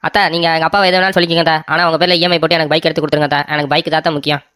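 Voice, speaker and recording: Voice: medium pitch, flat delivery, rapid-fire, fairly bright tone, smooth, dry recording, studio quality, natural voice. A voice actor playing a cheeky young brother-in-law in a cartoon comedy, wheedling for a gift.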